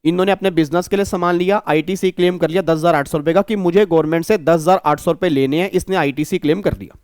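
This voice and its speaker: A man teaching a tax class who explains through lively stories, acting out the people in them. His voice sits high for a man, and the recording is dry and close. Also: fast talker, no echo. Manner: lively, storytelling, acts out dialogue. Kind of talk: lecture with acted stories.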